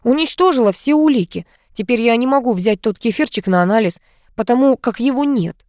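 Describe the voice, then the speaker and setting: A woman voicing a stern grown son who calmly accuses his wife, cool and cutting in manner. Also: very high voice, fairly quick, dry recording, studio quality, voice pushed up. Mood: accusing.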